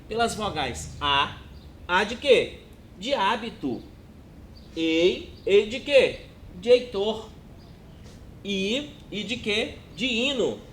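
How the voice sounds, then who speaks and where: A man giving a recorded lesson, speaking slowly and checking in with his listeners after almost every phrase. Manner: slow, drawn-out, checks in with "né?" and "tá bom?". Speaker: teacher. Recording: faint rumbling noise.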